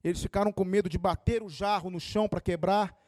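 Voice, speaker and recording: A man's voice: high voice, steady tone, brisk, a little mellow, no room sound, clean studio sound. A male pastor, preaching an impassioned sermon that swells and drops. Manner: impassioned, rising and falling dynamics.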